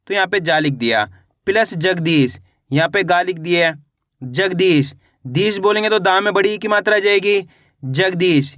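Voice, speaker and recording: A man with a high, bright voice gives a reading lesson, breaking words into single syllables and drawing each one out. He asks a question and answers it himself a beat later. The sound is close and dry, with no room around it. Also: no echo. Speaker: Hindi reading teacher. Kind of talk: spelling lesson.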